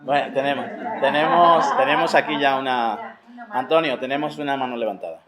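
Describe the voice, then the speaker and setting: A man moderating a panel discussion at a middle pitch. He speaks hesitantly, with frequent fillers and restarts. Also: brisk, over a noisy crowd.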